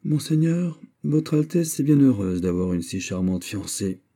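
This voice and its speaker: A man's voice: mid-range voice, very animated, a little slow, mellow, voice pushed up. A man reading as a frank, respectful young count. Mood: measured. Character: earnest young male count, frank courtier. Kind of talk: audiobook character reading.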